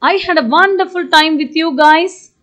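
A woman's voice: very high-pitched, moderate pace, fairly bright tone. A woman voicing a kind schoolchild in a school puppet show. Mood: friendly. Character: kind schoolchild Raji, friendly.

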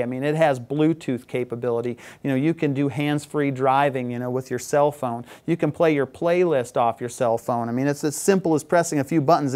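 A shop tech in his forties gives a casual, upbeat product demo among shelves of parts in a shop. His voice is a little high and darkish, and he peppers his talk with "you know."

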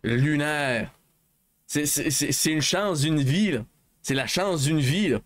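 A man's voice: a little high, takes it slowly. A man with a Québécois accent chatting casually while streaming a game and telling a rambling story. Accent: Québécois French. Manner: rambling storyteller, lots of filler and restarts. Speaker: let's play streamer. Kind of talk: casual chat while gaming.

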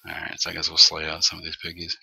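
A man chatting casually and excitably while playing a game with a friend, laughing often. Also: deep voice, racing, creaky. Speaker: co-host of a gaming channel. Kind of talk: casual gameplay chat. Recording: noisy background.

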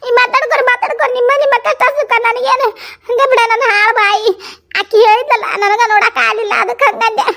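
A woman's voice: extremely high pitch, steady tone, fairly quick, sharp tone. A woman with a North Karnataka accent in a village comedy skit, firing off blunt, scolding questions. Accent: North Karnataka Kannada. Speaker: comedy sketch performer.

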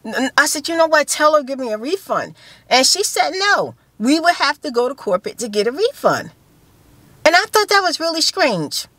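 A fifty-year-old woman chats to her phone camera from a parked car, talking with her hands and circling back to repeat her points. Her voice sits a little high for a woman. The sound is close and dry, with no room echo. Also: moderate pace. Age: 50s. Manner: animated storytelling with hand gestures and repeated phrases. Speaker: vlogger. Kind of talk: casual chat to camera. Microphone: phone camera held close.

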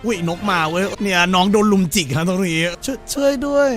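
A man's voice: high voice, steady tone, quick pace, fairly bright tone, soft background music. A man streaming a game, joking crudely and putting on silly voices for the characters. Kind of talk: let's-play commentary.

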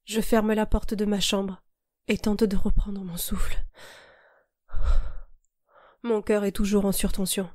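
A woman reads her novel aloud in the first person, calm and measured. Her voice is mellow and warm, never sharp. The recording is dry and close, with no echo. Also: mid-range voice. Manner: calm, measured, intimate reading. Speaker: audiobook narrator and author.

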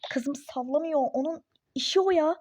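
A woman's voice: high voice, normal speed, darkish tone, a little hiss or hum, natural voice. A woman voicing a meddling, superstitious young woman friend in a phone-game role-play story, nagging and insistent.

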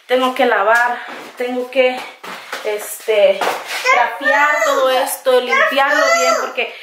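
Brief: Mexican Spanish woman, high-pitched mom vlogger, handheld camera in a noisy kitchen. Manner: warm, chatty, coos at the puppies. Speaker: family vlogger, mother. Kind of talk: casual vlog chat. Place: home kitchen, indoors. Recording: noisy home recording.

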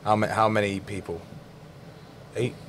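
A man's voice: fairly low pitch, level tone, moderate pace, fairly bright tone, a little hiss or hum. A young man hosting a podcast, asking rambling questions with many restarts. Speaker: podcast host, rugby player. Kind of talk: casual interviewing.

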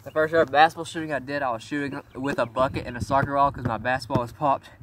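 A man's voice: mid-range voice, fairly even intonation, fast, a bit bright. A young man casually talking to the camera while shooting baskets on a windy backyard court, exclaiming now and then at his shots. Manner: chatty, exclaims at missed shots. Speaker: vlogger. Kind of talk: casual self-filmed commentary. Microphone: phone camera set at a distance. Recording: outdoor phone recording with wind noise. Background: wind.

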